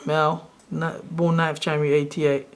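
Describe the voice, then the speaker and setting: A man's voice: a little high, flat delivery, normal speed. A man in his thirties from Sri Lanka, hosting his own channel and talking through a screen-share tutorial in a loose, rambling way, often correcting himself as he goes. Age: 30s. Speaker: channel host.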